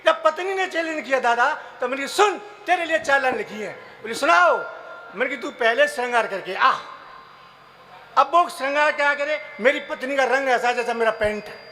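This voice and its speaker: High bright-voiced comic poet man on stage. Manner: storytelling with acted quotes and drawn-out chanted verse. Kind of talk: stage comic poetry recitation. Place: live stage event.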